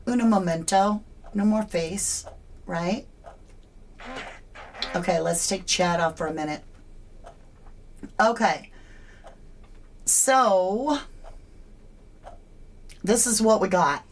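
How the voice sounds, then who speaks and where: A chatty woman runs a true crime livestream in a casual, folksy style, tossing in asides and calling out viewers by name. Her voice sits at a typical middle pitch for a woman, picked up by a home desk microphone. She talks slowly and leaves long pauses.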